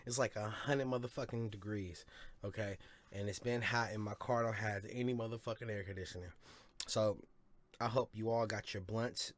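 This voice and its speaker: A man's voice: lowish voice, fairly even intonation, moderate pace. A man hosting his own podcast in a rambling, profane, hyped-up monologue. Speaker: podcast host. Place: home studio or car, smoking a blunt.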